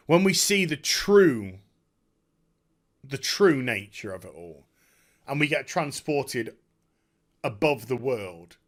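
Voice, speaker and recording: Here a man with a medium-pitched voice narrates a story recap as a gaming video creator. The talk is casual and enthusiastic, emphatic yet halting and meandering.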